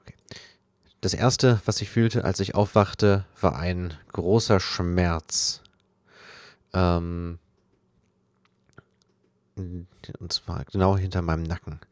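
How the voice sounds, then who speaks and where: A man doing a let's play, reading a story aloud as he translates it, haltingly and correcting himself. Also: low voice, steady tone, no room sound. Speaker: let's player reading and translating a visual novel. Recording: game music faintly behind. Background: faint game soundtrack.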